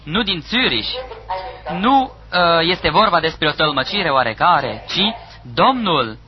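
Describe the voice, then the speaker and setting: A man preaching a sermon, reading scripture aloud with emphatic pauses. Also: on the high side, lively intonation. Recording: dull lo-fi recording with audience.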